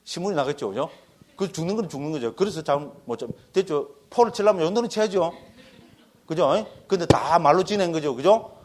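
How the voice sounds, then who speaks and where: Male Buddhist monk, dharma lecture, folksy asides, fairly high voice. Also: expressive, fairly quick. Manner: checks in constantly with listeners.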